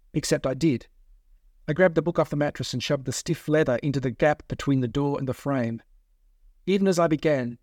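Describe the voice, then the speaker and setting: Reading his own novel aloud, a man delivers steady, measured first-person narration at a middle pitch. The studio recording is close and dry, without room echo.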